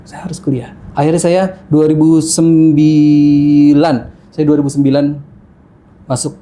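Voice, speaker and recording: A man in his thirties from Jakarta, Indonesia, appears as a podcast guest and tells his life story in casual chat, full of fillers and restarts. His voice is a little high and dark in tone, delivered completely flat and unhurried, with faint background noise.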